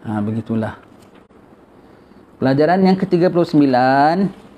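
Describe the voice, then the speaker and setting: A man's voice: fairly high pitch, lively intonation, normal speed, mellow. A man with a Malaysian Malay accent giving a religious text lesson in a conversational way, often tagging his phrases with "ya" and "ha". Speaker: religious teacher. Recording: dull lo-fi recording.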